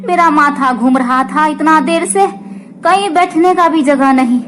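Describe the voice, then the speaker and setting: A woman's voice: sits high, a little slow, a bit bright, a little hiss or hum. A woman voicing a rude, bossy middle-aged man who cuts down a tree. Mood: weary. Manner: gruff, bossy, shooing. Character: gruff middle-aged male woodcutter, rude then weary.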